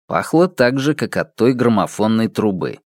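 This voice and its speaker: Expressive male audiobook narrator. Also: on the low side, normal speed, dry recording. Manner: expressive, varied reading.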